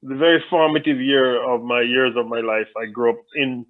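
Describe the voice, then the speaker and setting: Over tinny phone-line audio, a Jamaican man with a medium-pitched voice answers interview questions at a moderate pace. As a guest, he's thoughtful, frequently restarting sentences and repeating words.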